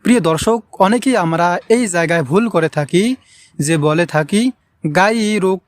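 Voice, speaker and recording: A man's voice: on the high side, fairly quick, no room sound. A man teaching careful pronunciation of an Arabic prayer, patiently repeating words and stretching out the long vowels for learners. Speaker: Quran recitation teacher. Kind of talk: slow pronunciation lesson with drawn-out Arabic recitation.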